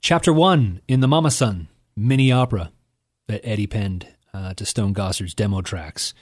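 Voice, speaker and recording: A man's voice: lowish voice, normal speed, a little mellow, no room sound, clean studio sound. A man in casual chat, talking about a song in a loose, rambling way with fillers and restarts. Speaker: music commentator.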